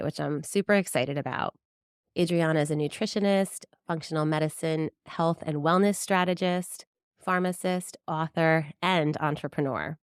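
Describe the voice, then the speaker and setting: A woman's voice: low-pitched, dry recording, clean studio sound. A woman hosting a podcast, reading her intro and chatting with an upbeat, enthusiastic manner. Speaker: podcast host. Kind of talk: scripted intro and casual interview.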